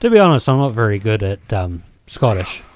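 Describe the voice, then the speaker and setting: Low-voiced rambling New Zealand man. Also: sing-song, fairly quick. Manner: rambling, hesitant, many ums and restarts. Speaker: let's play host. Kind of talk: casual gameplay commentary.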